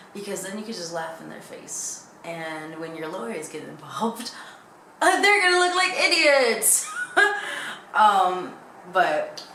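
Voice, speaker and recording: Low, bright-voiced young woman chatting, echoey room. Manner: rambling, candid, jumps between thoughts. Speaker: YouTuber. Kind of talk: casual chatty vlog. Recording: echoey room with faint background noise.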